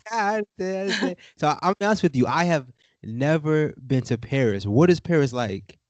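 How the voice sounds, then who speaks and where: Male podcast host interviewing a guest, lively intonation, curious, upbeat, dry recording. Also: on the high side, normal speed, no echo. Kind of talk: casual interview.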